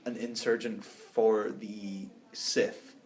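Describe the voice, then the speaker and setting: A man's voice: fairly low pitch, level tone, slow pace, darkish tone, slight background noise. A man co-hosting a podcast in casual chat, rambling and enthusiastic. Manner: rambling, enthusiastic, trails off into tangents. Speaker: podcast co-host.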